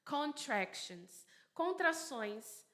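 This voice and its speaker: A woman, an English teacher, giving a grammar lesson in both languages. She explains step by step, repeats examples slowly and answers questions she asks herself aloud. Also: sits high, big pitch swings, a bit bright.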